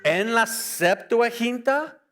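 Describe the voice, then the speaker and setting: Guy with a high voice giving a church talk, english is his first language, lively, keeps asking the crowd questions. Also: takes it slowly, faint music behind. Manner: lively, asks the audience rhetorical questions, jokes. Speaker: conference speaker. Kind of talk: apologetics lecture to a church audience.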